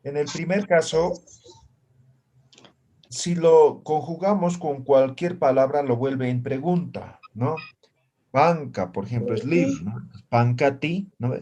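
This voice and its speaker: A man's voice: medium pitch, takes it slowly, warm tone. A man teaching a language class, patiently explaining and often checking in with his students. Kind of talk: classroom lesson.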